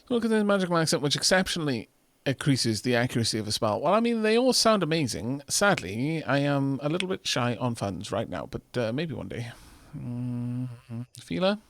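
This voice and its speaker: A man's voice: medium pitch, very animated, normal speed, gravelly, fairly bright tone, no room sound. A man, streaming a game in casual commentary, reading game text aloud with wry muttered asides. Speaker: streamer playing a video game. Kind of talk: casual let's-play commentary.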